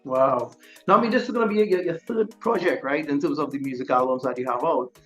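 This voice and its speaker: A man's voice: on the high side, a little fast, faint music behind. Upbeat male TV host. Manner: upbeat, chatty, laughing between questions. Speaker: TV show host. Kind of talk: interview hosting.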